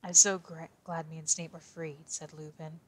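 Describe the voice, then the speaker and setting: A reserved teenage boy detective, played by a woman, reads a silly story aloud in a low, level voice. He keeps an almost monotone delivery and stumbles over strange words. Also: normal speed. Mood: deadpan reading. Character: young male teen detective, quiet and reserved. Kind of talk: in-character reading of a fanfic.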